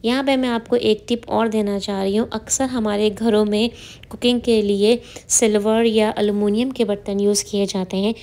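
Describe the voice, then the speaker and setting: A woman's voice: mid-range voice, fairly even intonation, moderate pace, dark tone. Woman narrating a home cooking tutorial. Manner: friendly, explanatory, gives tips to viewers. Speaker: cooking vlogger.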